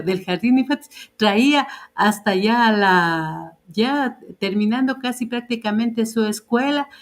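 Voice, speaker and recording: Mother telling a story, acting out dialogue. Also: fairly high pitch. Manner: acts out quoted dialogue, with hesitant fillers. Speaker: parent guest. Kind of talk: conversational storytelling.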